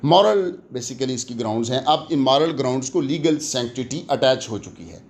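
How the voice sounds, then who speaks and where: With lively intonation and a slightly fast pace, this mid-range male voice, carrying a little hiss or hum, belongs to a law lecturer with a Pakistani accent. He explains exam-prep material didactically, switching between Urdu and English and answering his own questions.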